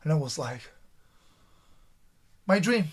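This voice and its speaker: Guy from taiwan in his 40s telling war stories on a podcast, animated, keeps restarting sentences. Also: a little high, takes it slowly, slightly rough. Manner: animated, restarts often, quotes himself. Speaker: guest, former fighter. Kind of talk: casual interview storytelling.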